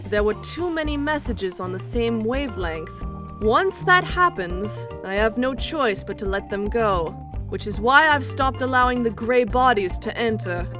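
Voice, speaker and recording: A woman playing a sly, detached programmed messenger with a measured, matter-of-fact manner in a comic dub. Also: a little high, animated. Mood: cool, defensive. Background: music.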